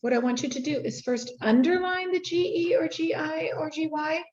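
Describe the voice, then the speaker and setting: A woman's voice: sits high, normal speed, a little mellow, roomy sound, muffled recording, slight background noise. A woman tutoring a student one-on-one in a phonics lesson, giving short, patient drill prompts. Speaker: reading tutor.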